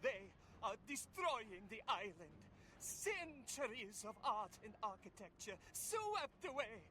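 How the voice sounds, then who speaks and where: A man's voice: high-pitched, very animated, slow pace, sharp tone, a little hiss or hum, heavily acted. A formal, stranded game nobleman. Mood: earnest. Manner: formal, old-fashioned phrasing. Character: stranded nobleman, grateful and earnest.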